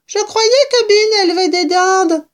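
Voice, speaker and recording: A woman voicing a small, excited young male fox cub with a childlike voice. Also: unhurried. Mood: curious. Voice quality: high, childlike.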